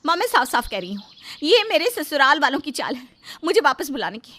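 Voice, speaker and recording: A woman's voice: high voice, sing-song, normal speed, pitched above the performer's own voice, heavily acted. A woman voicing a bossy, spoiled young married woman who scolds and taunts in storybook dialogue. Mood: taunting. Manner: loud, scolding, sarcastic.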